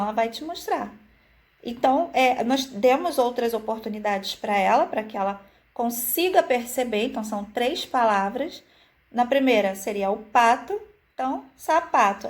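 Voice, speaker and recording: A woman explains classroom activities to viewers, stretching out example words syllable by syllable and often filling pauses with "é" and "né". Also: fairly high pitch. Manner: frequent "é" and "né" fillers. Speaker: early-childhood educator. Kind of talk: teaching video, explaining activities.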